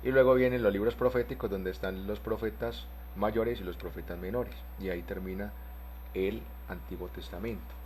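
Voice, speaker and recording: A man teaching an online Bible class, explaining terms step by step and spelling words out slowly. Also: fairly low pitch, fairly even intonation, a little mellow.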